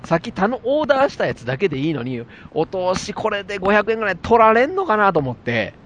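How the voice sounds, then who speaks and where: A man with a Kansai accent telling an animated anecdote in casual chat. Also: high-pitched, fast, a little hiss or hum. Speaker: storyteller.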